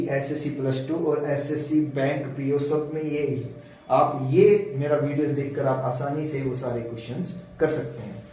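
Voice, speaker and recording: A man's voice: on the high side, a little mellow. A man teaching an English grammar lesson, explaining step by step and repeating the key words. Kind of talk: classroom-style grammar lesson. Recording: echoey room, distant mic, faint noise.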